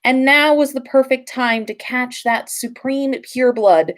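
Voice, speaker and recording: Reading listener-submitted fan fiction on her livestream, the woman speaks in a high voice at a slightly slow pace. She chats casually between stories, playful and informal, swearing freely and cutting herself off mid-thought.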